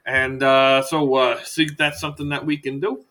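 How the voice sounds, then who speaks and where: A man voicing a loud, crude, jovial male back-alley doctor with a salesman's patter. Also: medium pitch, flat delivery, normal speed, voice pushed up, natural voice. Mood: salesy.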